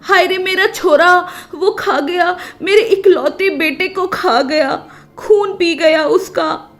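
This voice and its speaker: A woman's voice: very high voice, slow, a bit bright, pitched above the performer's own voice, heavily acted. A woman playing a wailing grief-stricken village aunt. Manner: wailing, crying out. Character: grieving older village woman wailing for her son.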